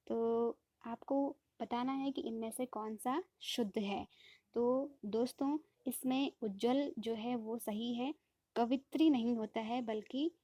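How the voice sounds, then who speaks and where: A woman's voice: on the high side, warm tone, no echo. A woman teaching an online exam-prep lesson, explaining each point step by step and checking understanding with "ठीक है?". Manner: patient, repeats "ठीक है?" after each point; addresses viewers as friends, explains rules step by step.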